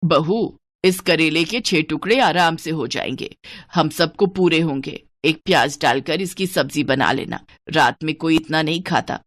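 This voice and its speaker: A woman voicing a miserly, scheming older mother-in-law in a cartoon, with a stingy, scolding manner and a lowered voice. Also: measured pace, no room sound. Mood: bossy. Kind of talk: cartoon voice acting.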